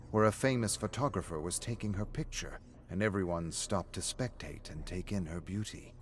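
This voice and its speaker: A man reading a story aloud on a live stream in a steady, subdued narrating voice. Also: deep voice.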